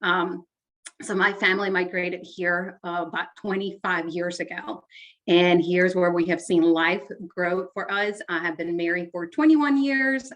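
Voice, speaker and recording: A Honduran woman in her forties, a native Spanish speaker, appears as a guest in a casual interview conversation. Her voice sits on the low side with a fairly bright tone, and she speaks earnestly and reflectively, with frequent fillers and restarts.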